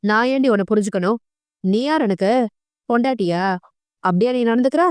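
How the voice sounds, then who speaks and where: A woman's voice: on the high side, fairly quick, darkish tone, dry recording, studio quality, lightly acted. A woman voicing an arrogant young husband in an audio novel, speaking with taunting contempt. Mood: scornful.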